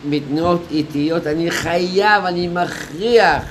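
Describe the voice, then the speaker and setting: A man, a rabbi, giving a Torah lecture, explaining with stories and rhetorical questions in deliberate, drawn-out phrases. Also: a little high, background noise.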